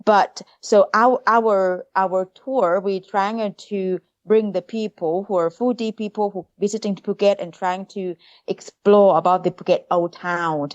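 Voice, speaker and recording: A young woman from Thailand with a Thai accent, speaking English as a second language as a food tour guide in a casual podcast interview, pausing often to search for words. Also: mid-range voice, fairly even intonation, dull audio. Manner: hesitant, searching for words, many fillers.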